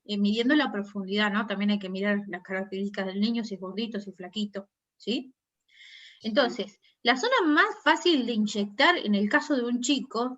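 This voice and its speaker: A woman's voice: fairly high pitch, fairly bright tone, dull audio. A woman with a Rioplatense Spanish accent teaching a nursing class, explaining step by step and often checking that students follow. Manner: explanatory, checks understanding with frequent tag questions. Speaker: nursing instructor. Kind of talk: online class lecture.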